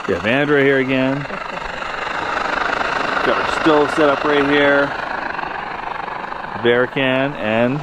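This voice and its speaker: A man's voice: mid-range voice, slow, long pauses. A man hosting a hiking vlog, talking casually to the camera outdoors. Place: outdoors in winter mountains. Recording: faint noise, outdoor camera audio.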